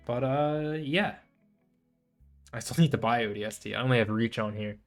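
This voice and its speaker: Over background guitar music, a male VTuber host livestreams in an easygoing chat, rambling and thinking aloud. His mid-range voice moves at normal speed.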